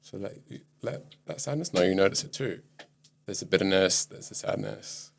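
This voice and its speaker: A man working as a therapist, guiding a session with calm, gentle, inviting questions. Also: deep voice, normal speed, vocal fry.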